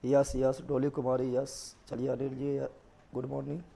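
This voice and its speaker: A man's voice: mid-range voice, monotone, a little slow, gravelly, dark tone. A man teaching a live online biology class in with a lilt, repeating questions and answers to his students. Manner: repetitive call-and-response questioning.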